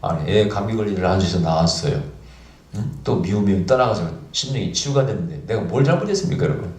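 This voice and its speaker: Lively storytelling pastor, echoey church. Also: male voice, low voice, fast. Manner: animated, acts out dialogue in the story. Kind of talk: storytelling sermon.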